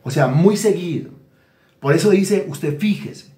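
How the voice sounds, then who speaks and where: A man preaching a sermon as pastor, animated and mimicking people to make his point. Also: high-pitched, measured pace, echoey room.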